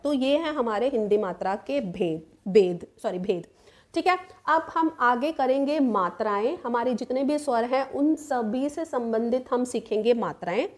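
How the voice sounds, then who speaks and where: High-voiced woman teaching grammar. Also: a little mellow. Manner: repeats 'ठीक है' often, asks questions then answers them. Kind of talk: explanatory classroom lesson.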